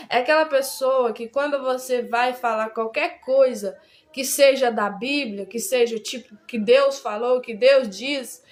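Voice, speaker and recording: Woman, high voice, chatty bible study teaching, keeps asking "right?". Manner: chatty, repeats words, many tag questions.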